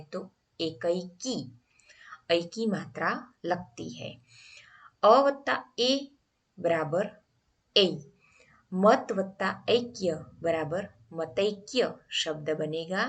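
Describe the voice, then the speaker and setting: Woman teacher, slightly low voice, slow deliberate step-by-step grammar lesson. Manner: slow, explaining step by step with questions to the class.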